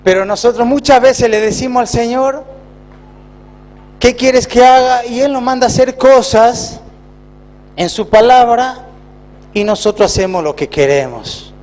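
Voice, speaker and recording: A man with an Argentine accent, a pastor preaching a sermon in a church with emphatic rises and slow, drawn-out phrases. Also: extremely high pitch, animated, a little mellow. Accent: Argentine Spanish.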